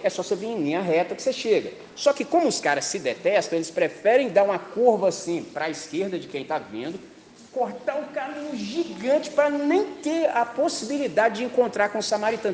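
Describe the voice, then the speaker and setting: Animated Brazilian preacher, slangy and lively. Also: male voice, sits high, long reverb tail, a little hiss or hum. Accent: Brazilian Portuguese. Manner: lively, slangy, rhetorical questions. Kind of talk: sermon.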